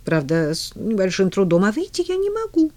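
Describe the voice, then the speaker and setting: A woman's voice: medium pitch, wildly swooping pitch, fairly quick, mellow, pitched above the performer's own voice. A woman putting on a fussy, tearful old lady. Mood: fretful. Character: flustered old woman stuck in a shower. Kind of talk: audiobook character reading.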